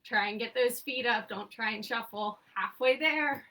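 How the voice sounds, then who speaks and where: Heard from far from the mic, a young instructor runs a remote seated workout from home, calling out rep counts and quick, upbeat cues. She speaks at normal speed in a fairly high, pushed, bright voice.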